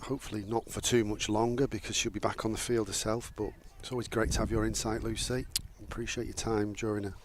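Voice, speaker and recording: Low-voiced northern English commentator. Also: male voice, little pitch movement, fast talker, hardly any pauses, a little hiss or hum. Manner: jokey, self-deprecating. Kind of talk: live cricket commentary. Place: outdoors under a gazebo at a cricket ground.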